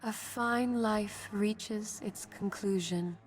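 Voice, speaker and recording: A woman voicing a serene lamb spirit of death in a video game, soft and breathy, calm and poetic in delivery. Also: medium pitch, slow, close to an everyday voice. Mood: solemn. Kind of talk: video game character voice acting. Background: music.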